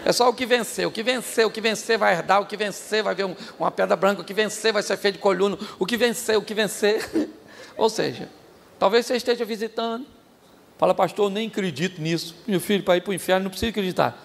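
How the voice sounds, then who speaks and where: A Brazilian man preaching a sermon as pastor, animated and joking, shouting out the lines he acts out. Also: sits high, fast, vocal fry, slight background noise. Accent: Brazilian Portuguese. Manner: animated, jokey, shouts acted-out quotes. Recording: reverberant hall, faint ambience.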